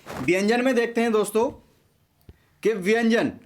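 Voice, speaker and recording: High-voiced man teaching a grammar lesson. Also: moderate pace. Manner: explains step by step, often addresses viewers as friends. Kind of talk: exam-prep grammar lesson.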